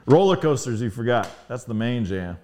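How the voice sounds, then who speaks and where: A man from Northern Virginia, a podcast guest, talking in a laid-back, halting way with lots of fillers. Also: medium pitch, big pitch swings, darkish tone. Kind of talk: casual interview chat.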